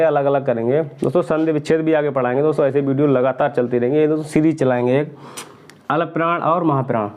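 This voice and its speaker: A man's voice: a little high, phone-quality sound. A man teaching a Hindi grammar lesson, asking questions and answering them himself while he drills pairs of syllables.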